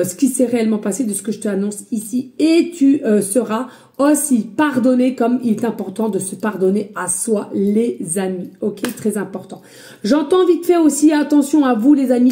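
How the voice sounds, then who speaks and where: A woman psychic medium talking casually to her viewers, speaking loudly with a slight accent, full of hesitations and friendly asides. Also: high-pitched. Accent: a slight accent she mentions. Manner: loud voice, by her own account. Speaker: psychic medium giving a reading. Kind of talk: casual spiritual guidance vlog.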